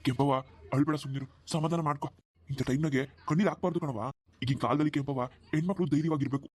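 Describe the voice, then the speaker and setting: A man's voice: fairly high pitch, steady tone, very fast, a little mellow, close to an everyday voice. A man voicing a scolding old village father. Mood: coaxing. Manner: coaxing, scolding the son. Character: older village father-in-law, kindly and scolding. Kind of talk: cartoon dubbing.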